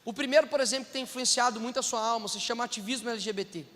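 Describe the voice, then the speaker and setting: A Brazilian man delivers a sermon in a very high, bright and cutting voice. He speaks with animation and puts on the voices of the people he quotes. The sound carries a long reverb, like an echoing church hall. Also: very fast. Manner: animated, acts out quoted voices, addresses listeners as brothers. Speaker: preacher.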